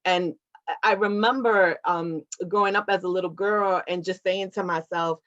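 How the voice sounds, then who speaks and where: A woman's voice: on the low side, fairly even intonation, normal speed, fairly bright tone, dull audio. A woman from Puerto Rico, an activist answering a question in a talk, earnest and reflective, often checking in with "right?". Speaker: award recipient, activist. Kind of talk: conversational answer in an online talk.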